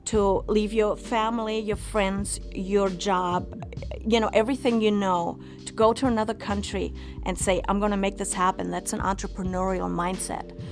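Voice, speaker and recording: A woman's voice: medium pitch, steady tone, moderate pace. A woman from Germany speaking earnestly and persuasively in a documentary interview. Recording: faint music behind voice.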